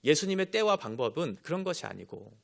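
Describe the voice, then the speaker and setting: A man's voice: on the high side, big pitch swings, brisk, gravelly. A man preaching a sermon as a pastor, explaining scripture point by point and raising his voice when quoting Jesus' words. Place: church.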